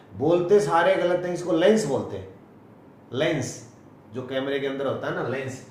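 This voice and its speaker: A man with an Indian accent teaching English pronunciation, spelling out words letter by letter and repeating each one slowly. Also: on the high side, a little mellow, slight background noise. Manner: slow and deliberate, repeating each word. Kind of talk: classroom lesson, spelling out words. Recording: echoey room, voice from far off.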